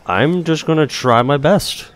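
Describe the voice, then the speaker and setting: A man's voice: on the high side, measured pace, over loud music. A man giving casual gameplay commentary, thinking aloud informally as he plays. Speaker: gaming video host.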